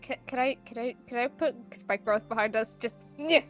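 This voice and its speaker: A woman's voice: fairly high pitch, normal speed, faint music behind. A woman chatting and joking casually as a player in a tabletop role-playing game.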